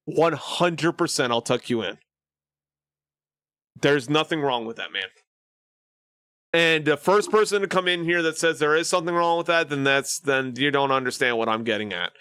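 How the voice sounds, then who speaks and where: A man's voice: fairly high pitch, moderate pace, pauses often, sharp tone, clear, resonant tone, dry recording, clean studio sound. A man live streaming and chatting casually with his viewers, rambling with lots of fillers and restarts.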